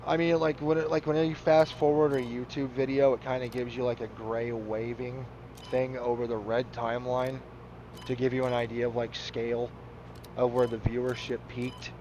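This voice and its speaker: A man's voice: mid-range voice, little pitch movement, moderate pace, darkish tone, muffled recording, slight background noise. A man chatting casually while playing a game, rambling, laughing often and swearing freely. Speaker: gaming channel host. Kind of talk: casual commentary over gameplay.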